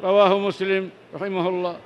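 High-voiced man reading religious texts. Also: little pitch movement, brisk, dull audio. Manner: reads narrator chains then explains plainly, adds prayers. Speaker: Islamic teacher reading hadith.

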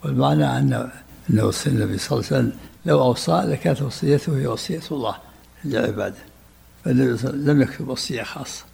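A man leads a study session, talking fast in a deeply gravelly, creaky voice. He explains the text and cuts in on the reader with brisk, short prompts. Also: a little mellow, slight background noise. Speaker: teacher leading a study session. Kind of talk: explaining and directing a text reading.

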